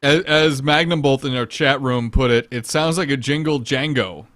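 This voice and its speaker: A man's voice: mid-range voice, normal speed. A man commentating a competitive online game match, explaining tactics and calling the action. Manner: analytical, explains tactics, bursts of excitement at big plays. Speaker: esports commentator.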